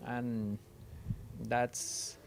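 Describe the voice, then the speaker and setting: Halting man from Costa Rica, mid-pitched. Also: flat delivery, creaky, noisy background. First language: Spanish. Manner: halting, repeats words, light laughs. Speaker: flamenco guitarist guest. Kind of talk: interview conversation.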